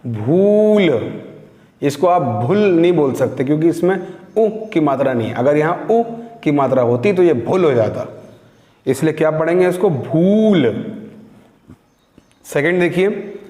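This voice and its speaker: A male teacher giving a beginners' reading lesson, drawing out each syllable slowly and patiently prompting learners to repeat after him. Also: on the high side, expressive, mellow. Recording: echoey room with long reverb.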